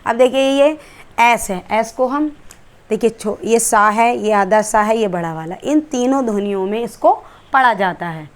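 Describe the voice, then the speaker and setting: Woman with an Indian accent, teacher type, slightly high voice, patient step-by-step explainer who leans on rhetorical questions. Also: measured pace. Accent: Indian English. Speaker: English teacher. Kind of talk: classroom lesson.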